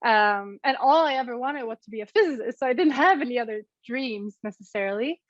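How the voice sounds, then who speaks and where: Speaking briskly and expressively in a higher-than-average voice, a Swedish-accented woman from Sweden joins an interview by call as a guest and app co-founder. She is thoughtful but sprinkles in many ums and likes. There is no echo, and the high frequencies are cut off.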